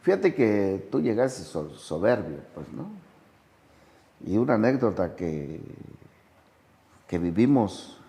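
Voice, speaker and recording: A man with a gravelly, mellow voice talks slowly and thoughtfully as a sponsor. He tells his anecdotes with animated jumps in pitch. The sound carries a long reverb. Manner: slow, measured delivery with dramatic pitch swings when telling anecdotes. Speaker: sponsor and podcast guest. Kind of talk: reflective conversational storytelling.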